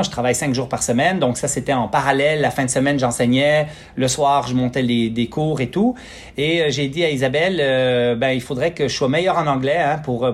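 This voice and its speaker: A Quebec French man in his forties tells his story as a podcast guest, leaning on fillers and restarting his sentences. His voice sits a little high for a man, and he speaks loosely and conversationally. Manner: hesitant, many fillers and restarts. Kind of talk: casual interview talk.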